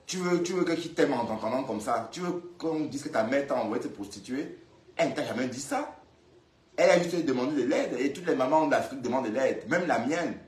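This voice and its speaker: A man from Cameroon commenting casually on a live video, in a middle-pitched voice. He talks in a lively, scolding way, repeating himself and speaking straight to the woman he reacts to. His voice bounces around a roomy, echoey space. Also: brisk. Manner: lively, scolding and repetitive, addressing her directly. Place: indoors, in Brussels. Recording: roomy echo.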